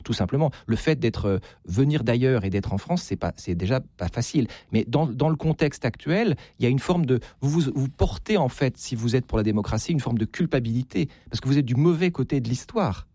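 A man's voice: mid-range voice, lively intonation, fairly quick, few pauses, dark tone, breathy edge, no room sound. A man being interviewed as an author, speaking hesitantly with many restarts and repeated words. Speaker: author, guest. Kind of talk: interview conversation.

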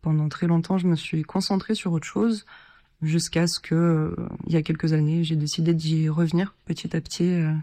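Shy and soft-spoken, a singer-songwriter from Lithuania hesitates through a radio interview, leaning on plenty of fillers. She talks at a moderate pace in a low, level voice, recorded dry.

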